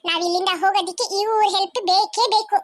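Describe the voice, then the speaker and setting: A woman's voice: very high-pitched, fairly even intonation, quick pace, no room sound. A woman voicing a clever, scheming young boy in a cartoon, talking bossily and persuasively. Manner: bossy, persuasive. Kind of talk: cartoon voice acting.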